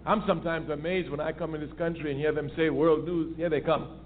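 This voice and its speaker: Speaking briskly in a voice on the high side with fairly even intonation, a man gives a passionate political talk on call-in radio. He drives his points home by repeating key phrases, over a tinny line with faint hiss.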